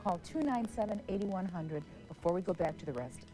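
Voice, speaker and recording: A woman's voice: fairly low pitch, expressive, fairly quick, over music, rough recording. A woman hosting a public television pledge drive, speaking persuasively and earnestly with repeated, building phrases.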